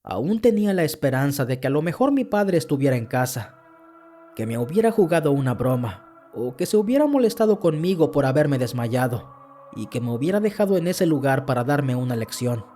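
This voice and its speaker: A man telling a first-person horror story as a podcast narrator, earnest and steady. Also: mid-range voice, fairly quick, soft background music.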